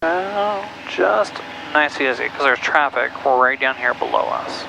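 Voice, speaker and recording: A man's voice: medium pitch, animated, unhurried, vocal fry. A man giving casual, reassuring instruction as a flight instructor, speaking on a pilot headset. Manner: easygoing, reassuring. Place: small aircraft cockpit. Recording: noisy small aircraft cockpit, headset intercom.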